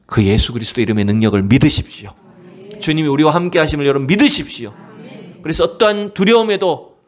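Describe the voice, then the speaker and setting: A man preaching a sermon as pastor of a church. He tells a story dramatically, asks the congregation rhetorical questions, and swings between raised exclamations and hushed near-whispers. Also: mid-range voice. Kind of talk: Wednesday evening sermon. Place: church sanctuary.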